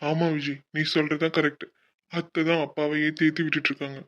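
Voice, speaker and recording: A good-natured young man in love, played by a woman in a cartoon, teasing and easygoing. The voice sits fairly low, and the recording is dull and lo-fi. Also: level tone, fast, a bit bright. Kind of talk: cartoon voice acting.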